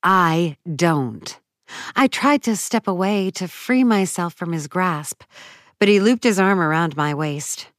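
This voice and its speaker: Slow, low-voiced woman narrator. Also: lively intonation, no echo, studio quality. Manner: slow, measured and dramatic. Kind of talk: first-person audiobook narration.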